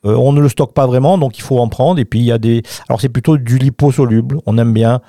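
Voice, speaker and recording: A man's voice: medium pitch, fast, warm tone, dry recording. A man, a doctor, explaining health topics emphatically on a radio chat show into a studio mic. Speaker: doctor guest.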